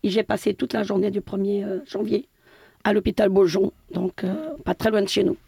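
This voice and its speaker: A woman's voice: medium pitch, flat delivery, brisk, creaky, warm tone, breathy edge, no echo. A middle-aged woman from Portugal, a building caretaker answering interview questions hesitantly with many fillers and restarts.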